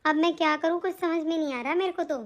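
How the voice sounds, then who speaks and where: An aggrieved old grandmother, voiced by a woman in a home-made family drama, grumbling and moralizing in a plaintive tone. The voice sits very high despite the age of the role. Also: fairly even intonation, fast, lo-fi sound, very noisy. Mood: doting, sorrowful. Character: older woman, self-pitying grandmother and mother-in-law. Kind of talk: hobby family-drama acting.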